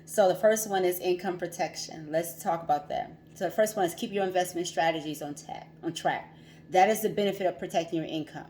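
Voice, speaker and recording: A woman's voice: on the low side, a little fast, mellow, slight background noise. A woman hosting a casual livestream as a financial coach, chatty, laughing often and repeating herself.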